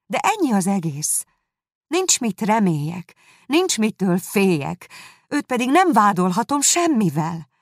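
A woman reading a novel aloud, voicing a gentle, forgiving young woman in a soft, pleading manner. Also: low voice, expressive, gravelly, husky, no echo, clean studio sound, exaggerated voice.

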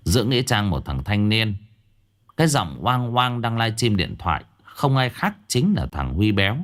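A man's voice: sing-song, normal speed, fairly bright tone. A man narrating a ghost story dramatically, dropping his voice for suspense. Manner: dramatic, drops pitch for suspense. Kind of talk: scripted narration. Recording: faint background music.

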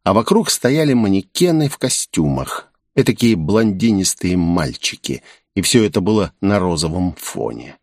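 A man narrating a story in an audiobook, with animated storytelling. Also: low-pitched, normal speed, dry recording, clean studio sound.

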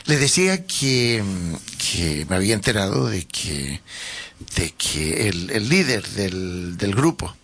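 A man hosting a casual radio interview in a studio. He talks in a relaxed, hesitant way and often repeats words. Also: lowish voice, takes it slowly, gravelly, breathy edge. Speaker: radio host. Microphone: studio microphone.

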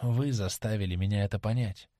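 A man voicing a young woman stage actress, lovesick and imploring, tender and dreamy, slowing on heartfelt words in an audiobook reading. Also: on the low side, fairly even intonation, mellow, no room sound, studio quality, voice pushed down, lightly acted. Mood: rapturous, dreamy.

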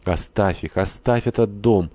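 Kind, steady woman friend, read by a man in a deep, dry voice. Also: measured pace, no room sound, natural voice. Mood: worried.

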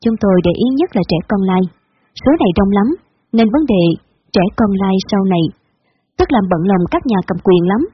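A woman voicing a polite male journalist who chooses his words carefully, in a husky voice on a dull lo-fi recording. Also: medium pitch, lively intonation. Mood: earnest. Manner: careful, measured.

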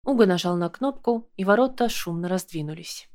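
A woman reading a first-person audiobook with calm, measured storytelling. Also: fairly low pitch. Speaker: audiobook narrator.

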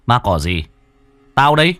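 A man voicing a brash older village man who talks roughly and scolds. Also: mid-range voice, very animated, a little slow, a bit bright, no room sound. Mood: scolding. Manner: blunt, scolding.

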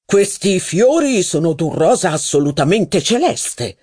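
A reader voicing an affected gentleman who pours out flattery in drawn-out exclamations. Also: high voice, slightly rough, dry recording, clean studio sound, voice pushed up, heavily acted. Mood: effusive. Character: gushing affected male art flatterer.

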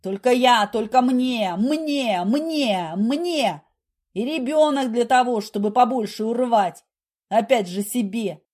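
A curt middle-aged boss speaks in a lowered, clipped voice, as a woman reader puts him on. He sounds commanding and quick to lose patience. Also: expressive, mellow, slightly rough. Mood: angry. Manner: low, clipped, irritated.

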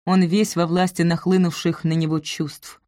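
A woman narrates a romance novel in a smooth, even way. Her voice sits low and sounds warm and mellow. The recording is close and dry. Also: normal speed, no room sound. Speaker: audiobook narrator.

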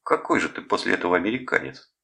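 A man's voice: low voice, animated, fast, gravelly, bright, forceful tone, pitched above the performer's own voice, full character voice. A man voicing a cocky teenage boy who taunts a soldier with mock-formal politeness. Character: cocky teen male prankster, mocking.

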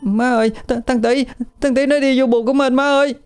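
A man's voice: extremely high pitch, fairly even intonation, fairly quick, clear, resonant tone, faint music behind, pitched above the performer's own voice. A man voicing a terrified, clingy little girl in a ghost story, trembling and crying out. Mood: panicked screaming. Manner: trembling, whimpering cries.

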